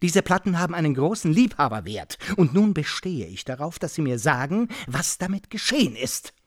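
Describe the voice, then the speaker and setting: A man's voice: fairly high pitch, very animated, normal speed, no echo, studio quality. An actor playing a pompous, aggrieved man who lectures and accuses in a radio drama. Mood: accusing. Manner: insistent, lecturing, pedantic. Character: pompous aggrieved middle-aged man, hectoring. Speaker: Edgar Morgan, aggrieved host.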